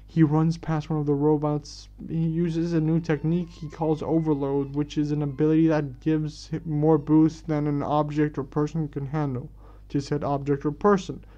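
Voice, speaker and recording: Male fan-story reader, casual and halting with self-corrections; mellow, slightly high voice. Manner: stumbling restarts and self-corrections. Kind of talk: reading a fan story aloud. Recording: dull lo-fi recording.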